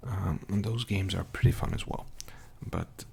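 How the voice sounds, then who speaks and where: A young man whispering softly in an ASMR video, rambling casually with many fillers. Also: sits low, normal speed, vocal fry, slightly rough. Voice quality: mostly unvoiced whisper. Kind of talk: whispered ASMR game show-and-tell.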